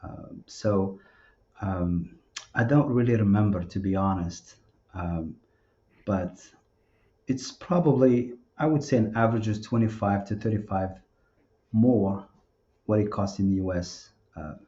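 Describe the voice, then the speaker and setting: A man's voice: fairly low pitch, measured pace, long pauses, mellow, dull audio. A man gives rambling, qualified answers as a local expert in a casual live Q&A. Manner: hedging, rambling explanations full of "you know".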